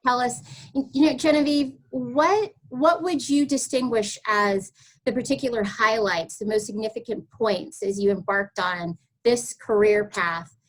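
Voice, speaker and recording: A woman hosting an online artist webinar over a video call, introducing her guest effusively with many pauses and fillers. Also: fairly high pitch, low-quality recording. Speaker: host of online workshop. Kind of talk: webinar interview.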